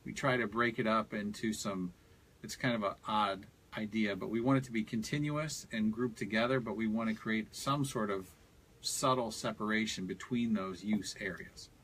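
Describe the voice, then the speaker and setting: A fairly low-voiced man talks through garden layouts in a relaxed, explanatory way, with plenty of "you know" fillers. There is a faint hiss of noise behind him. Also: moderate pace. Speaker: landscape designer guest. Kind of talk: casual radio talk.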